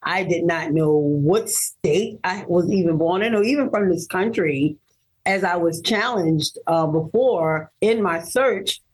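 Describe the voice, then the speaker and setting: A woman in her fifties from Maryland, a guest telling her personal story in an earnest, animated way, laughing easily. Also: lowish voice, a little slow, slightly rough, low-quality recording. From Baltimore, Maryland, US. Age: 50s. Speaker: interview guest.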